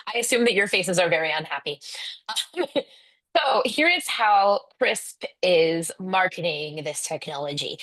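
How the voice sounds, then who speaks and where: A woman's voice: on the low side, fairly bright tone, dry recording. A woman linguistics lecturer giving a conference talk, with wry, conversational asides.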